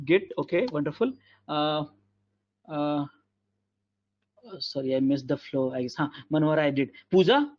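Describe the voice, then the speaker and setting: A man teaching an online class over a video call, halting and repetitive with many fillers, heard through low sample rate audio. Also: lively intonation, dull audio. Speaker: instructor.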